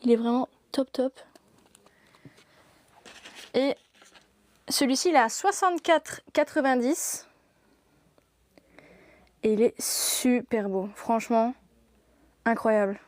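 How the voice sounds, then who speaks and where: High-voiced enthusiastic saleswoman. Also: slow, long pauses, a little mellow, no echo. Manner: enthusiastic, gushing, laughs often. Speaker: shop saleswoman presenting products. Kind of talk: live-stream product showcase.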